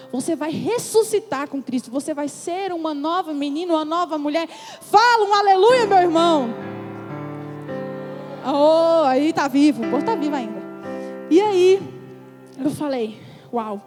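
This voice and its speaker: Young woman, high-pitched, emotional church testimony, animated storytelling, music underneath. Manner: animated storytelling, acts out her own past words. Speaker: testimony speaker at a church congress.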